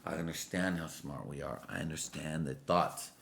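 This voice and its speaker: A man's voice: a bass voice, normal speed, gravelly, fairly bright tone, slight background noise. A man in his late twenties on a drunk, loose, rambling casual solo rant, full of slang and swearing. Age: late 20s. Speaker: vlogger.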